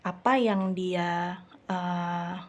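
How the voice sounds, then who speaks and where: A woman's voice: fairly low pitch, fairly even intonation, very slow, darkish tone, dull audio. A woman vlogger casually telling her viewers a personal story, chatty and full of hesitant fillers.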